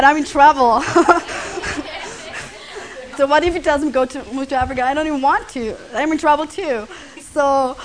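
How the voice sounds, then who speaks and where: A woman preaching a sermon in a conversational way, sometimes dropping to a soft, hushed voice. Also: high-pitched, slight background noise, low-quality recording. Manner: conversational, drops to near whisper on quiet lines.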